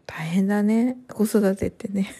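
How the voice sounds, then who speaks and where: A woman, a new mother, chatting casually to her viewers in soft, rambling sentences full of fillers and pauses. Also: medium pitch, husky. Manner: trails off in long run-on sentences. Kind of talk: casual chat to camera.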